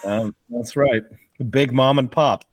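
A man's voice: medium pitch, takes it slowly, no room sound. A man co-hosting a casual comedy podcast, joking crudely and laughing often. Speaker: podcast co-host.

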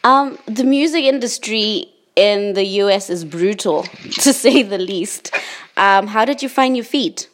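A woman's voice: medium pitch, measured pace, noisy background. A woman hosting an interview show, introducing her guest and asking questions in an upbeat way. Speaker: podcast host.

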